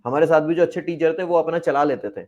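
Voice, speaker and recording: A man's voice: fairly high pitch, fast, darkish tone, muffled recording. A man, a former school teacher, speaking outspokenly in a casual interview and mixing English phrases into his talk. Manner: outspoken, mixes English into Hindi.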